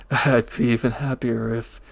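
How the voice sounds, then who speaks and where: In this intimate audio drama, a man's soft, hesitant, breathy voice brings to life a reformed villain who is now a devoted lover. He takes it slowly at medium pitch with a flat delivery, conveying contentment and affection.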